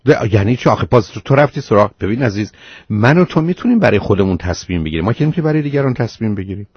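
A man with a husky, slightly breathy voice hosts a call-in advice program. He lectures patiently but firmly, pressing his points home. The sound is dry and muffled like an old broadcast. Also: fairly low pitch, expressive, dry recording. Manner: lecturing, patient but firm, calls caller 'dear'. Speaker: radio advice host.

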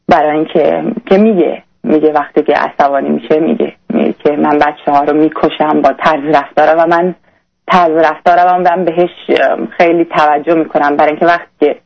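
A young woman calling in to a radio advice show, talking in a halting, hesitant way with many restarts. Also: deep voice, vocal fry, muffled recording. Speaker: caller. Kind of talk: radio call-in conversation.

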